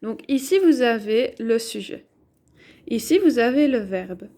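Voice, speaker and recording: Woman, bright high voice, patient classroom explainer, repeats key points, talks through each step. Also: expressive. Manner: slow, clear, repetitive explanation with questions to herself. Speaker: French teacher. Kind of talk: grammar lesson at a whiteboard.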